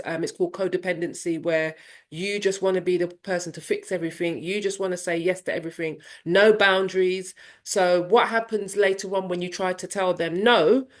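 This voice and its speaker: A woman in her fifties, a parenting coach, telling her personal story in an interview in a candid, reflective way and acting out family voices. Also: lowish voice. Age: 50s. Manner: animated, acts out family dialogue in voices.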